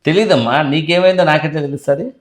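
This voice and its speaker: A man's voice: on the high side, fast. A man playing an exasperated doctor in a comic sketch. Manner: exasperated, pleading.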